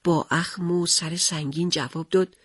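A woman narrating a first-person story as a mother, expressive and confiding with her listeners. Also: fairly low pitch, slightly rough, no echo, clean studio sound.

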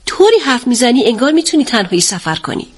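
Sharp-tongued young daughter, read by a woman, brusque and impatient, for an audiobook. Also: fairly high pitch, sing-song. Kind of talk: audiobook reading.

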